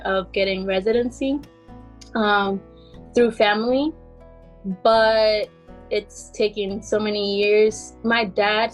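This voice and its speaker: A woman from Costa Rica telling her family's story casually, with many fillers, in a documentary interview. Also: medium pitch.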